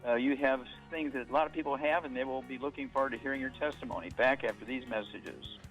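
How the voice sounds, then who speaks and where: A man hosting a call-in health radio show, firing quick yes-no questions at callers and giving folksy analogies, taped off the radio. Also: mid-range voice, fairly even intonation, faint music behind. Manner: quizzes callers, many "okay"s, folksy analogies. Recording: dull radio broadcast taped off air.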